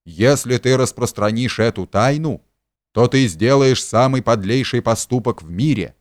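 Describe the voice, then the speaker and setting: A man voicing a kindly middle-aged gentleman who pleads and shouts in agitation. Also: medium pitch, moderate pace, no echo, studio quality, lightly acted. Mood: agitated.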